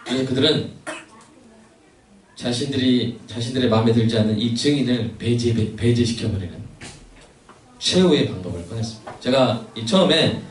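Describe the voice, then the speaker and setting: A male pastor preaching a lively sermon, often asking his congregation questions. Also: medium pitch, normal speed, pauses often, a little hiss or hum. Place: church sanctuary. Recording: echoey church from a distance.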